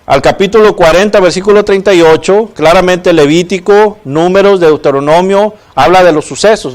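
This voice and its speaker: High-voiced man preaching to a congregation. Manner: asks the congregation questions, repeats "¿verdad?". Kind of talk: sermon. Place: church.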